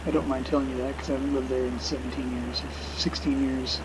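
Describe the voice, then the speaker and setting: A man's voice: medium pitch, level tone, heavy background noise. A middle-aged man giving casual, unscripted flight simulator commentary, hesitant and musing as he goes. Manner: hesitant, musing, unhurried reminiscing. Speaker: video game streamer flying a simulator.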